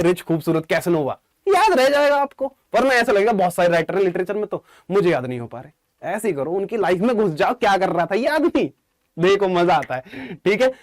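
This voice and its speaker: A man's voice: sits high, no echo. A young man with an Indian accent teaching English literature in a chatty, informal exam-prep lecture. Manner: chatty, informal, jokes with students.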